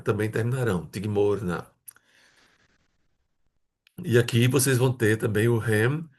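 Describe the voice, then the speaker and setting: A man's voice: mid-range voice, slightly rough. A man from Brazil, teaching a grammar lesson, patiently repeating words and checking in with his students. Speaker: Hebrew teacher.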